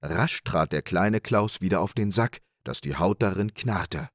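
Male narrator, deep, calm and measured, fairy-tale audiobook for unwinding, dry close sound. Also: dry recording.

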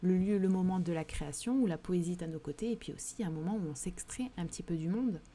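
A woman's voice: fairly low pitch, fast, warm tone. A woman with a southern French accent, hosting a live book discussion, speaking thoughtfully with frequent hesitations and restarts. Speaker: literary livestream host. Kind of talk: live book discussion reading chat questions.

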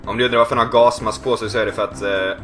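Young male gamer, bright voice, joking game commentary, faint music underneath. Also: mid-range voice. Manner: joking, excitable commentary with laughs. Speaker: gaming YouTuber.

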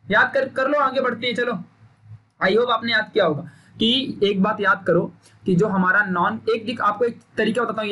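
A man's voice: very high voice, bright, forceful tone. A young man teaching a recorded science lesson, emphatic and stern, drilling points and scolding students into memorizing. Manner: stern, scolding pep talk.

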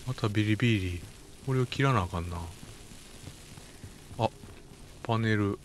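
A man's voice: on the low side, a little slow, a little hiss or hum. Kansai man muttering game commentary. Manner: mumbling running commentary, scolding the game character. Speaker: game streamer. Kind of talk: casual let's-play commentary.

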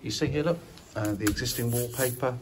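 Holding a phone out at arm's length, a male property investor records a walkthrough video of a vacant house, his casual talk full of fillers and false starts. He speaks at a medium pitch and a fairly quick pace over slight background noise.

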